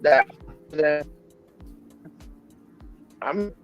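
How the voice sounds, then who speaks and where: A man's voice: fairly high pitch, drawn-out words. A man talking over an online call that is breaking up, rambling with many restarts. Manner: rambling, restarts and repeats often. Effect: choppy online call audio breaking up. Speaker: remote podcast guest. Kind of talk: casual opinionated chat about gaming business. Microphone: remote call connection. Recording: muffled lo-fi call audio, faint music behind.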